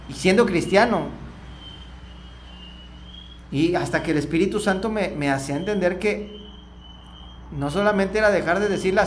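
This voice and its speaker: Animated preacher. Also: male voice, high voice, a little hiss or hum. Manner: animated, shifting between emphatic and soft asides. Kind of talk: church lesson sermon.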